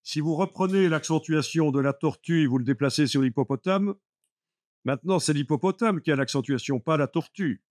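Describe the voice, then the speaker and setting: A man's voice: a little high, brisk, darkish tone, dry recording, studio quality. A man teaching a live Photoshop class, explaining steps patiently with many fillers like "euh" and "voilà". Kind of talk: live classroom software lesson.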